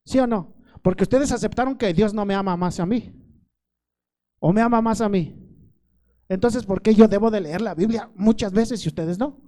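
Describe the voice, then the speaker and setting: A man's voice: sits high, moderate pace, long pauses, warm tone. A middle-aged male pastor preaching a sermon, asking the congregation questions and pleading with growing fervor.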